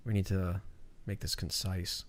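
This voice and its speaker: A man's voice: deep voice, flat delivery, unhurried. A man co-hosting a podcast in a casual, profane and talkative way. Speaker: podcast co-host. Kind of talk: casual chat.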